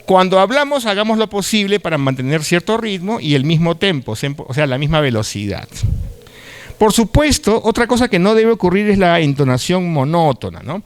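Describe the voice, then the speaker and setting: This man, a Lima-accented Peruvian, delivers a live university lecture in an easygoing, chatty way. His smooth voice sits high and has a sing-song quality at a normal speed, and he often asks the class tag questions, sometimes stumbling and restarting words.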